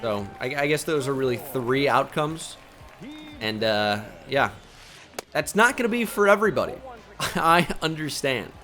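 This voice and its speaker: A young man giving live commentary on a baseball video game, quickly flipping between frustration and joking at himself. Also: mid-range voice. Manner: excitable, swings between frustration and self-mockery. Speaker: gaming channel host.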